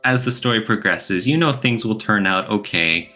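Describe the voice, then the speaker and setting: A man co-hosting a podcast reviews and discusses things casually, explaining them in a thoughtful way. His fairly low voice is expressive, pushed, and bright, moving at normal speed with soft music playing behind him.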